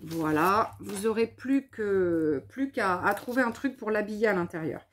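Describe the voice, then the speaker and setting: A woman's voice: mid-range voice, unhurried, slight background noise. A tired woman hosting a scrapbooking video, thinking aloud and teasing herself playfully as she works. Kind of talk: casual craft demonstration.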